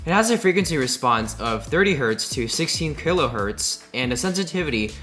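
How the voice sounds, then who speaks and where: A man's voice: medium pitch, expressive, fairly quick, fairly bright tone. A man giving a scripted, upbeat product review into a desk microphone. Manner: upbeat, enthusiastic. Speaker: tech reviewer. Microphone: desk USB condenser mic. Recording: roomy echo, faint music.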